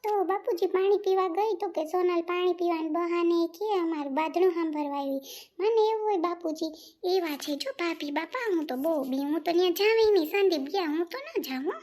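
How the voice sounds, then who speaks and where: Woman as touchy young wife, defensive and dramatic, high voice, comedy skit. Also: fairly quick, a little mellow. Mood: aggrieved. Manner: defensive, protesting. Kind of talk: comic family sketch.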